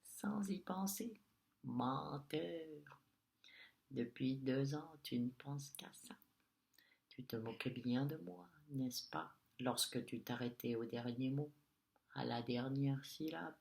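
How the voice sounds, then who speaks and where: A man voicing a mean old witch with a small, sharp, sour voice, a whispered role-play as he reads a storybook tale. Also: medium pitch, slow, vocal fry. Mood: sneering. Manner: sneering, mocking.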